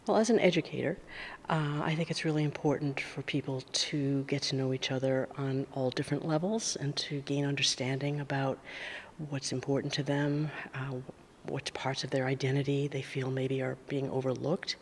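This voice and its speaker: A woman's voice: a bass voice, fairly even intonation, moderate pace, slight background noise. A woman from Massachusetts, an educator and student, speaking emphatically. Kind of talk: recorded student testimonial.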